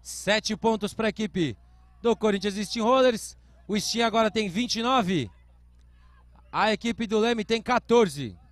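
A man's voice: high voice, slow, no echo. A Brazilian man giving live American football play-by-play commentary, explaining calls in short announcer phrases. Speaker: sports commentator.

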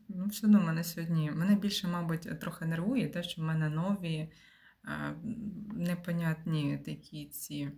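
A Ukrainian woman, a game streamer, gives casual commentary while playing a puzzle game, thinking aloud and often dropping to a mutter or whisper. Her voice is fairly low with a darkish tone.

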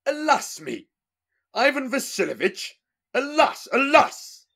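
An actor playing an imperious, suspicious medieval tsar who speaks in archaic, formal phrases. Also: male voice, high voice, sing-song, takes it slowly, fairly bright tone, exaggerated voice. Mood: wailing. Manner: archaic formal speech, wailing laments.

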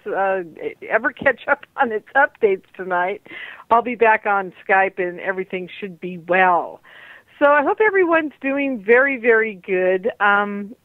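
A woman's voice: a little high, no echo. A woman hosting a radio show over a landline phone, talking in a rambling, candid and discouraged way. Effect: calling in over a landline phone. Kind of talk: unscripted monologue. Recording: tinny dry phone line.

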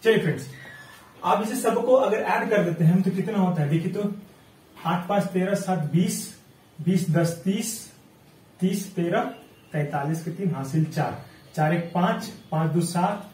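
A man teaching a reasoning class in a casual, coaxing way. He keeps asking the viewers questions, counts sums aloud in quick running tallies, and is still getting over an illness. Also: high-pitched, darkish tone, echoey room, distant mic, low-quality recording. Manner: chatty and coaxing, asks questions and answers them himself. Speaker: online exam tutor.

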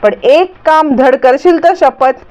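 A scheming, bossy middle-aged aunt, as a woman reads her out, scolds in a sharp, high voice. The recording is dull and lo-fi. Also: slow pace.

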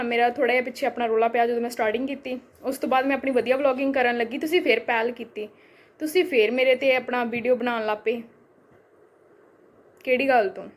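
A young woman with a Punjabi accent, a vlogger firing back at a critic with repeated rhetorical questions. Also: fairly high pitch. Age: young adult. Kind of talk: reply video rant.

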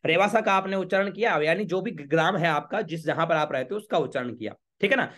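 A man, a priest teaching a home worship ritual step by step, chanting Sanskrit lines slowly and checking with the listener often. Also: on the high side, fairly bright tone. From Rajasthan, India. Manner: patient, repeats checks like "okay?".

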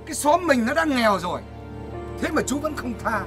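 A man's voice: very high-pitched, expressive, fairly quick, fairly bright tone, soft background music. A man playing a stern neighborhood elder who lectures a swindler in a TV comedy.

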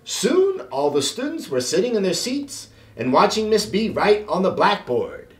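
A middle-aged man gives an animated read-aloud of a children's story in a high voice with wide swings up and down. His phrasing is expressive, theatrical and deliberate, and the roomy recording carries a clear echo.

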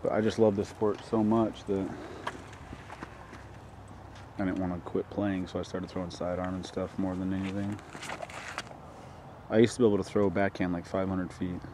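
Brief: relaxed man, lowish voice, noisy outdoor recording. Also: brisk. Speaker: disc golf friend. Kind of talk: casual chat. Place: outdoor disc golf course. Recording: outdoor camera audio with clear background noise.

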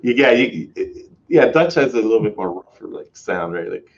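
A man with a very low voice hosts a tech livestream in loose, casual chat. He rambles and restarts his sentences, filling gaps with "uh" and "um". The stream audio sounds dull and lo-fi. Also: expressive, normal speed, vocal fry. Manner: rambling, many fillers and restarts. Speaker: host, developer advocate.

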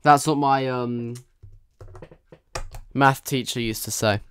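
A man's voice: mid-range voice, fairly even intonation, slow pace, a bit bright, a little hiss or hum. A man streaming a driving game, reviewing players' driving with playful, teasing banter. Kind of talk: live game commentary.

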